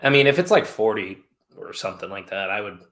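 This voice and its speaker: A man's voice: fairly low pitch, sing-song, quick pace, fairly bright tone. A man hosting a wrestling podcast in casual chat, who slips into a mock announcer voice to reveal award winners. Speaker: podcast host.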